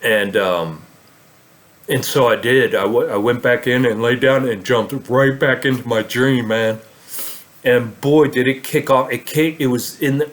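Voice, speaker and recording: A man's voice: mid-range voice, fairly bright tone. Rambling man telling a story. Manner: rambling, many fillers and restarts. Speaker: vlogger. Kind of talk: casual storytelling monologue.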